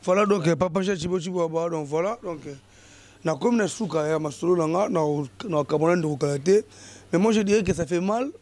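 Mellow-voiced talk-show host. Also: male voice, high-pitched. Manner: hesitant, frequent "euh" pauses, advising tone. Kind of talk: talk-show commentary mixing French and Lingala.

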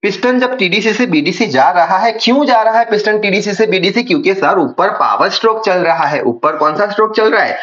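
A man's voice: high voice, expressive, fairly quick, few pauses, fairly bright tone, lo-fi sound. A young man teaching an engineering class, asking questions and answering them himself, often repeating the key points. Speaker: engineering tutor. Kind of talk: whiteboard lecture.

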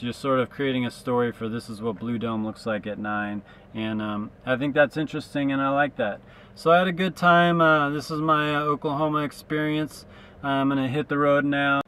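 Speaking to his dashboard camera from the car, this thirtysomething street musician drifts through a reflective, filler-laden vlog ramble. The mid-range voice has a fairly bright tone, with a little hiss or hum in the recording.

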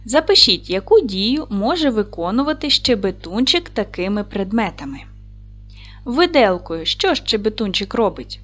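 A woman teaching a recorded lesson for young children, speaking clearly and slowly with encouraging praise. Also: medium pitch, very animated, a bit bright. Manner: clear, slow, encouraging classroom delivery. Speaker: primary school teacher.

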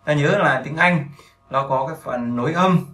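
A man with a Vietnamese accent leads a beginner English lesson and drills phrases by repeating them slowly. His voice is bright and forceful. It echoes through the room and sits some way back from the mic. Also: a little high, far from the mic. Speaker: English teacher.

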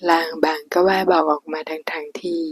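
A woman reading a romance story aloud in a hushed, unhurried whisper. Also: sits low, fairly even intonation. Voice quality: breathy.

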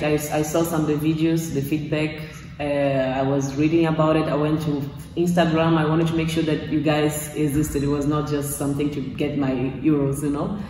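A young Brazilian woman speaking English as a second language, with a Brazilian Portuguese accent, gives a casual testimonial as a course graduate, often restarting sentences while searching for words. Her voice is low-pitched and darkish. She's filmed indoors in a small gym room before weight racks by a far camera, so the sound is echoey, distant and slightly noisy.

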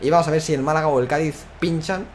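Animated young Spanish man telling a story. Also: on the high side, quick pace, slight background noise. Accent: Spain, peninsular Spanish. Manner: animated, slangy, rambling with restarts. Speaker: gaming youtuber. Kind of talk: casual storytelling over gameplay.

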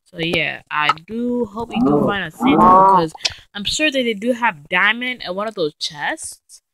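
A woman giving casual, chatty gameplay commentary, talking straight to her viewers and getting excitable and easily frightened as she plays. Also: mid-range voice, normal speed, creaky, background noise. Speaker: let's play gamer.

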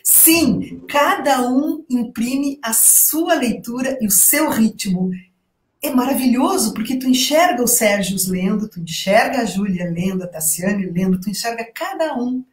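A talkative woman with a thin, cracked, reedy voice, raised a little above the usual. Her speech swoops up and down with lively energy as she acts out quoted voices. The sound is roomy and echoey. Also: on the high side, a little slow. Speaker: literature professor, guest. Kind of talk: lively conversational interview. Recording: roomy echo.

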